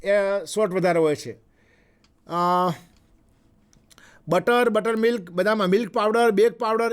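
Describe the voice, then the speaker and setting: A man with a Gujarati accent delivers a health lecture in a high, light voice. He speaks unhurriedly and repeats his points. He pauses often and fills the gaps with short sounds. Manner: unhurried, repetitive, with frequent pauses and fillers. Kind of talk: health talk mixing Gujarati and English.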